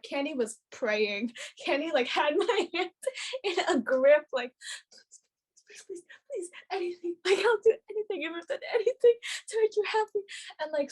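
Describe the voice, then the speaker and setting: A young woman, a makeup artist, telling an excited story in a casual, gushing way, full of "like" and swearing. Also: sits high. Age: young adult. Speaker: podcast guest, pageant makeup artist.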